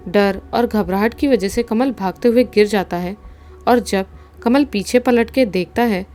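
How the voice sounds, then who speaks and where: A woman narrating a horror story in a steady, suspenseful storytelling manner. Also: mid-range voice.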